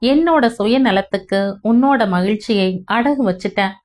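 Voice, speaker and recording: A woman as young husband, earnest, gentle, remorseful, fairly high voice. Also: normal speed, close to an everyday voice.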